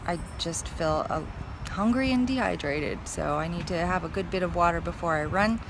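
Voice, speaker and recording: A woman chatting casually to viewers as a fitness vlogger, thinking aloud in a hesitant, musing way. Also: lowish voice. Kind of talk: casual vlog chat to camera. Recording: clear vehicle and outdoor noise.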